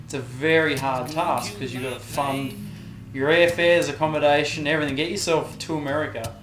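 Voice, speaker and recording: Here a pro vert skater from Tasmania talks in a relaxed, thoughtful way during an interview, his Australian accent clear. His pitch sits fairly high, his intonation fairly even, and his pace fairly quick. Guitar music plays in the background of a roomy, echoing recording.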